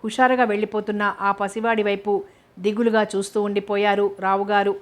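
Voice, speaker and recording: A woman narrating a novel as an audiobook, reading in a steady, measured way. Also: medium pitch.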